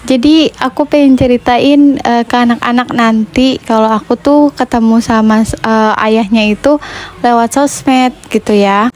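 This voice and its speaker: A woman's voice: a little high, a little mellow. A woman in her late twenties, telling a personal story in a chatty, conversational way as a vlogger. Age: late 20s. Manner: chatty, conversational, with frequent fillers. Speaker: vlogger and housewife. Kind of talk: casual storytelling voice-over.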